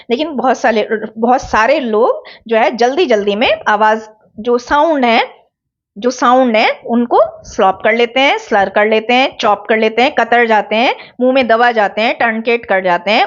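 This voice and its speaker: Lively-voiced woman teaching a class. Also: a little high, muffled recording. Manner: explains terms with examples, mixing English words into Hindi. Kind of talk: online exam-prep lecture.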